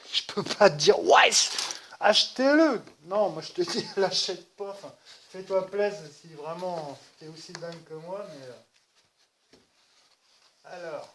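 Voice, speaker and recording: A man hosting an unboxing video, chatting casually and jokingly straight to his viewers. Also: fairly high pitch. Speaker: RC hobby channel host. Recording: noisy home recording.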